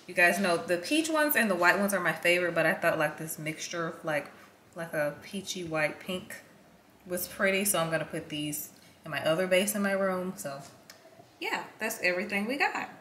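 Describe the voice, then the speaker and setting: A woman's voice: lowish voice, animated, normal speed, bright, forceful tone, a little hiss or hum. A young woman chatting casually to her viewers in a home vlog, full of "like" and "um", upbeat and friendly. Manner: chatty, filler-heavy, enthusiastic. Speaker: vlogger. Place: home kitchen.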